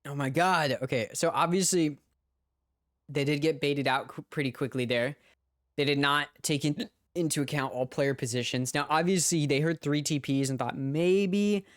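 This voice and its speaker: A man's voice: a little high, dry recording, clean studio sound. Man casting esports for a stream. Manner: casual, talks straight to chat. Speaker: streamer casting a watch party. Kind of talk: esports play-by-play commentary.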